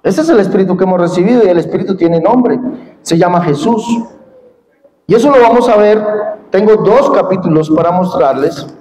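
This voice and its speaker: High-voiced fiery preacher in echoey hall. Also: male voice, brisk. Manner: fiery preaching, quizzes the congregation, rising to shouts. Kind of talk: sermon. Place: large church hall at a congress. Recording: echoey hall with long reverb.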